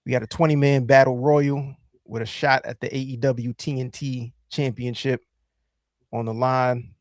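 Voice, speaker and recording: A man's voice: mid-range voice, flat delivery, normal speed, a little mellow, no room sound, studio quality. A man hosting a wrestling podcast, chatting casually and rambling with lots of fillers. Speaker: podcast host. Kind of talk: casual chat.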